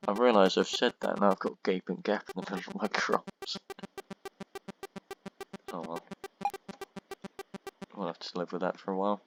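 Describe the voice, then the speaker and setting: A man with a monotone voice giving rambling, self-deprecating commentary on his own gameplay, full of ums. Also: sits low, normal speed, pauses often, music in the background, low-quality recording. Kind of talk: casual let's-play commentary. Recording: loud background noise and keyboard clicks.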